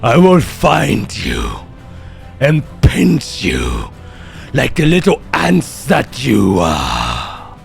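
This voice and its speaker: A man playing a domineering light commander whose booming, magically amplified voice rings out from far off, slow and threatening as it shouts. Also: huge pitch swings, vocal fry, soft background music, full character voice. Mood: menacing. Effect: booming magically amplified voice carrying from far off. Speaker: game master.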